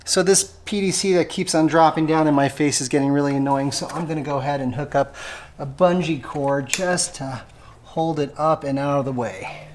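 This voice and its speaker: Her deep, slightly mellow voice keeps a normal pace as she walks through a casual step-by-step car repair tutorial, hands busy with the work. Clicking tools and obvious noise fill the recording.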